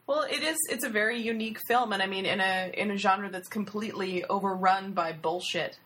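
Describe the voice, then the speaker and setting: A woman hosting a casual podcast interview, relaxed and chatty. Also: mid-range voice, a little fast, slight background noise.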